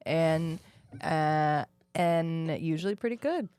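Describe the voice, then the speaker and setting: A woman's voice: low-pitched, takes it slowly, darkish tone, smooth, no echo. A woman co-hosting a comedy podcast, trading playful banter and plugging shows. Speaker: podcast co-host. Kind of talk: casual comedy chat.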